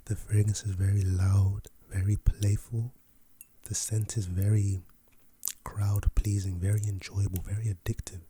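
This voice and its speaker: A man playing a laid-back, chatty fragrance salesman in a soft, breathy ASMR role-play for ASMR, with an unhurried, casual patter. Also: on the low side, level tone.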